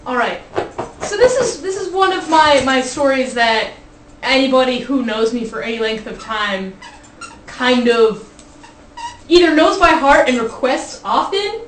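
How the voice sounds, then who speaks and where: A young woman with a high-pitched voice tells an informal funny anecdote. She rambles in a giggly way and often interrupts herself with asides. She is heard at a distance from the mic in a very echoey room. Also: lively intonation, measured pace, a little hiss or hum. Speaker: storyteller. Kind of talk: informal comic anecdote told to a live group.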